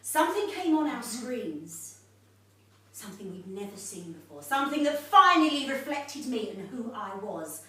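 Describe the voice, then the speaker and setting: A starstruck, theatrical would-be actress, played by a woman with a high, animated voice. She talks chattily to a live audience. The recording is roomy and far from the mic. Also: moderate pace. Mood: chatty. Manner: chatty, theatrical, laughs often. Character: starstruck would-be actress hosting her own evening. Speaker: solo comic performer. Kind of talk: live comic monologue. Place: home living room with audience. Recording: echoey room, mic far off.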